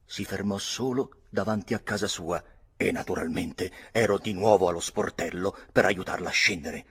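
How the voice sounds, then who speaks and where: A man reading a novel aloud in the first person, hushed and often dropping to a whisper. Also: deep voice, normal speed, husky. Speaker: audiobook reader.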